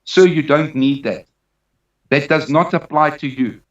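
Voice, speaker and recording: A man with a South African accent and a slightly high voice speaks unhurriedly as an interview guest. He's a dog trainer giving an emphatic personal account, repeating phrases for weight, and the recording sounds roomy, distant and dull.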